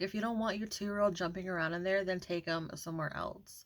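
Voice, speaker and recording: A woman's voice: lowish voice, a bit bright. A young woman vlogger telling a casual story-time rant, chatty and exasperated, with lots of filler words.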